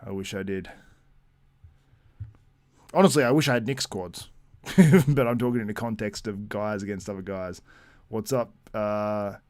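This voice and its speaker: A man's voice: lowish voice, measured pace, pauses often, darkish tone, no echo, clean studio sound. A man hosting a casual live-stream, chatting loosely and reading out viewer comments between laughs. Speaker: livestream host.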